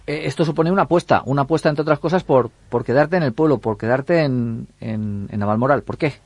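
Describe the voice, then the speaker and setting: A man's voice: medium pitch, fairly quick, no room sound. Male radio host, dry studio sound. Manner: conversational, repeats words when starting. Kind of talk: radio interview. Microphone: studio mic.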